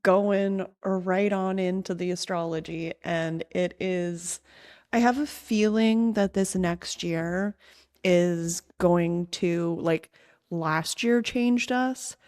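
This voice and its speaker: A woman's voice: fairly low pitch, slow, a little mellow, no room sound, clean studio sound. A woman co-hosting a casual podcast over a remote call, talking in a trailing way and searching for words. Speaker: podcast co-host. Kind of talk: casual chat. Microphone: remote call recording.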